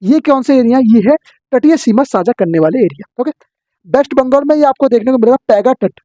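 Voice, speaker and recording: A man teaching an exam-prep geography lesson, drilling his students with quick questions and answers. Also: very high-pitched, animated, dark tone, dry recording, dull audio.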